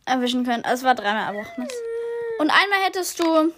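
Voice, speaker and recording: A young woman chatting casually as a challenge co-host, dramatic and often excitedly repeating herself. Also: sits high, fast talker, noisy background.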